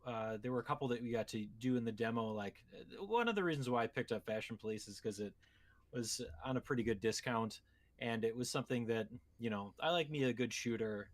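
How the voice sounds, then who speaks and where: Lively intonation and a fairly quick pace mark this man's mid-range voice. As a podcast co-host, he wanders conversationally through casual video game talk, explaining as he goes.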